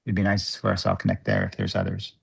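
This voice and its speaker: A man chairing an online work group meeting, thinking aloud in a halting, measured way over a video call microphone. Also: low-pitched, sing-song, vocal fry, husky.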